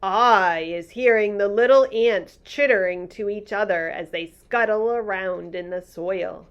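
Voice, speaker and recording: A woman's voice: medium pitch, measured pace, lo-fi sound, natural voice. A woman voicing a big friendly old male giant who talks earnestly in muddled grammar. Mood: marvelling.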